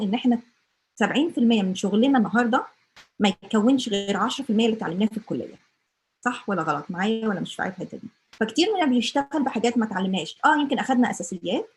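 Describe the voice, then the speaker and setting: A woman's voice: on the high side, a little mellow. A woman with an Egyptian Arabic accent gives an informal lecture at a church family meeting, dropping English terms and asking her listeners rhetorical questions.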